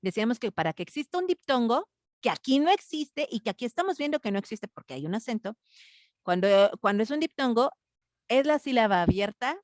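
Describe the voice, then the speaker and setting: A woman teacher with a Mexican Spanish accent walks her class through grammar points, pausing on fillers and checking in with questions. Her voice is recorded dry and close, with little room sound. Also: mid-range voice, dry recording. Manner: patient, asks students questions, thinks aloud with fillers. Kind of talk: online class explaining grammar.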